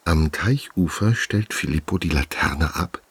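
Deep, slow, husky storybook narrator. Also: male voice, dry recording. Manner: expressive storytelling. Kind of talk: children's audiobook narration.

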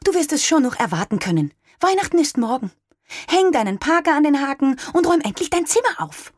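A woman's voice: huge pitch swings, unhurried, no echo, studio quality, heavily acted. A woman voicing a harried mother who scolds her children while baking, read aloud as a storybook. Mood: scolding. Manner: shrill, scolding.

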